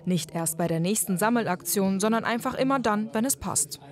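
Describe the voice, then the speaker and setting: Lady doing news voice-over, plain, steady, mid pitch. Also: fairly quick. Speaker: news reporter.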